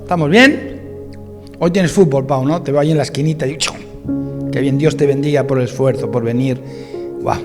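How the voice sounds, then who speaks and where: A pastor, preaching a sermon in a lively way that speaks directly to his congregation with questions and jokes. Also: medium pitch, normal speed, pauses often, big-room sound, over music. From Spain. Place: church hall.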